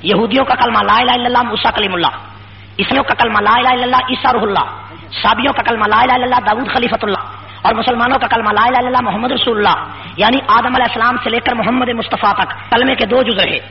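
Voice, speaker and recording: A man giving an impassioned rally speech at a public gathering, full of repetition, shouted rhetorical questions and call-and-response. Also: very high-pitched, steady tone, vocal fry. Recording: lo-fi with faint hum.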